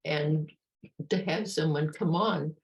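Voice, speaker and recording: A very old woman, about a hundred, recalling her life in an interview in a halting way, repeating words and restarting sentences. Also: deep voice, darkish tone, rough recording. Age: about 101, very old. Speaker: interview guest, retired park ranger. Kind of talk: reflective personal interview.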